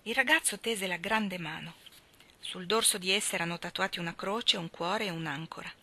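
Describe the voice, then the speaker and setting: Woman narrator for a literary audiobook: calm, measured and expressive, with a bright, forceful tone in a lowish register. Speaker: reader.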